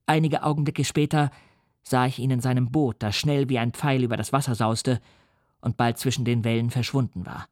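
A man reads a first-person story in a grave, measured tone. His voice sits at a middling pitch. The recording is dry and close. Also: steady tone, darkish tone, no echo. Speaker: narrator. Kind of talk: first-person literary reading for radio.

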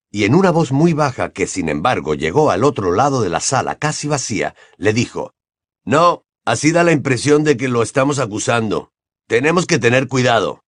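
A man narrating an audiobook in an expressive, varied storytelling manner. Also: fairly low pitch, no echo, clean studio sound. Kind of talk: audiobook reading.

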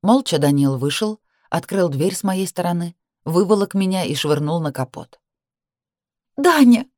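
A woman reading a romance novel aloud in an expressive narrating voice. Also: moderate pace, dry recording, clean studio sound. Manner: expressive reading, rising high for the heroine's cries. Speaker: audiobook narrator.

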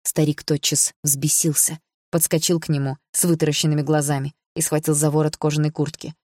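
An audiobook narrator reading a story in an even, measured way. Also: mid-range voice, no echo, clean studio sound. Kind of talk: scripted narration.

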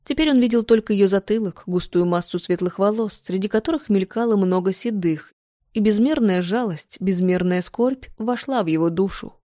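A woman narrates a novel in a calm, measured reading voice. Her tone is dark and mellow. The recording is dry and close, with no room sound. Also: medium pitch, no echo.

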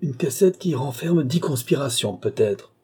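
Guy doing a huffy stubborn police chief, dark husky voice, audiobook. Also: mid-range voice, expressive, normal speed, voice pushed up. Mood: indignant. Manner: indignant, defiant, loud. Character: proud, stubborn older male police chief.

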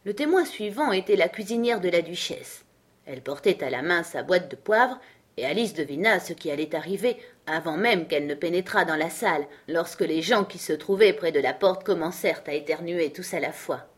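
A woman reading a storybook aloud as audiobook narrator, in a steady, even style. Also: lowish voice, normal speed, breathy edge. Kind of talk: scripted narration.

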